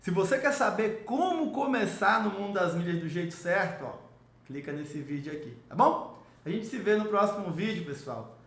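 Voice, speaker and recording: A man's voice: animated, moderate pace, a bit bright. A man from Salvador, giving an enthusiastic, salesy explainer on travel rewards and speaking straight to the viewer. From Salvador, Brazil. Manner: enthusiastic salesy pitch, addresses viewer directly. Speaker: miles and travel rewards coach. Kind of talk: promotional explainer video. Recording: roomy echo.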